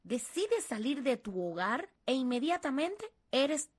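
High-voiced woman interviewer. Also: big pitch swings, unhurried, husky. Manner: sympathetic, exclaiming. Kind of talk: interview questions.

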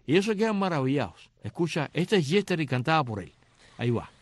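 A man's voice: a little high, quick pace. A middle-aged man casually retelling a film's story, acting out the characters' lines. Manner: animated, acts out dialogue. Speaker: radio host recounting a film.

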